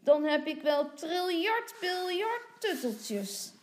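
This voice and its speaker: Woman putting on a tiny boy, whiny and teary, voice way up high and wobbly. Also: big pitch swings, slow, full character voice. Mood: excited. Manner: wailing, high crying voice. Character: little boy, tearful and whiny.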